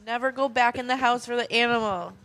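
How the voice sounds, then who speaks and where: A woman's voice: a little high, fairly quick, a bit bright. A woman co-hosting a casual movie podcast, chatty and giggly, poking fun at herself. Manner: chatty, giggly, self-mocking. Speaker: podcast co-host. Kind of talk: casual movie-watching chat.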